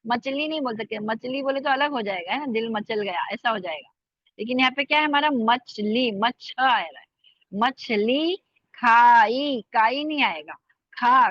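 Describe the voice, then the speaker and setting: A woman teaching an online language class, slowly repeating words and sounds for her students. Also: on the high side, a bit bright, no room sound. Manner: slow careful drilling of sounds, repeating words. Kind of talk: spoken language lesson. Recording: dull lo-fi sound.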